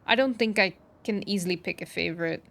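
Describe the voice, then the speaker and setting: A woman with a medium-pitched, creaky voice talks fast while streaming a game, reacting to the play and chatting with viewers casually. Soft game music plays behind her.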